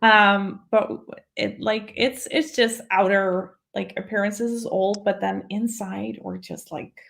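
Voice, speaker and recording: A woman's voice: mid-range voice, steady tone, slow, gravelly, a bit bright. A woman in her thirties chatting casually as a live stream co-host, often feeling her way through her phrasing. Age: 30s. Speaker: online book channel co-host.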